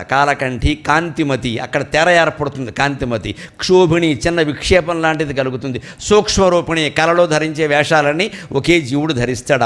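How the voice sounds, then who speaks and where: A middle-aged spiritual speaker with a Telugu accent and a slightly high voice gives a discourse in a cultural hall at a memorial event. He tells stories, poses rhetorical questions, and swings between loud and quiet.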